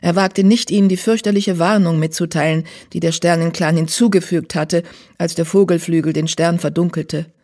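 A man narrating an animal adventure audiobook in a steady, dramatic storytelling manner. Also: fairly high pitch, moderate pace.

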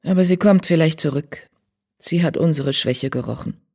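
A man's voice: fairly high pitch, moderate pace, vocal fry, a little mellow. A man reading a storybook, voicing a frightened female queen cat whose voice is dull with grief. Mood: dull, grieving.

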